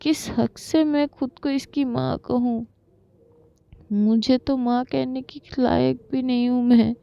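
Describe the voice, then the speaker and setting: A woman's voice: sits high, fairly even intonation, slow, gravelly, warm tone, clear, resonant tone, lo-fi sound, heavily acted. A woman voicing a grief-stricken mother who tearfully blames herself. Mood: anguished. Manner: tearful, self-reproaching.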